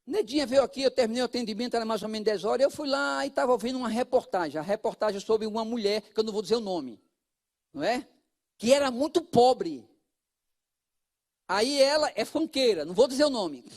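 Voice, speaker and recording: A Brazilian Portuguese-accented man preaching a sermon as pastor, talking straight to his congregation and swinging between loud calls and hushed asides. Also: very high voice, expressive, fairly quick.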